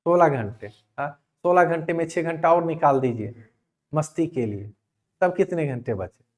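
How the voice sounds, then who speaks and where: A man's voice: a little high, animated, normal speed. A man, giving a casual coaching lecture and asking his students rhetorical questions. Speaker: exam coaching teacher.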